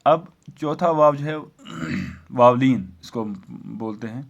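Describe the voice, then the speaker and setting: A man gives a grammar lesson at an even, middling pitch. He talks slowly and deliberately, saying each example word twice so it sinks in. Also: creaky, muffled recording. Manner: slow, deliberate, repeats example words. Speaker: Urdu teacher.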